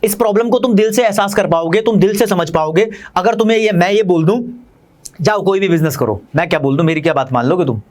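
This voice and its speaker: A man with an Indian accent teaching commerce in a fast, chatty online lecture, talking straight to his students. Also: high-pitched, animated, darkish tone.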